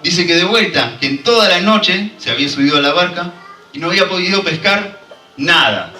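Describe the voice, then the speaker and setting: Guy preaching, super bright voice, kinda far from the mic in an echoey church. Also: high voice, animated, brisk, soft background music. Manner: impassioned preaching with call-and-response. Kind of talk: sermon. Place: church hall.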